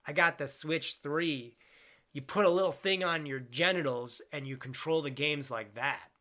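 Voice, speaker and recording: A man's voice: a little high, moderate pace, sharp tone. A man in his twenties chatting casually on a live stream, reading out viewer questions and rambling with jokes at his own expense. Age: 20s. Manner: rambling, self-deprecating, jokey.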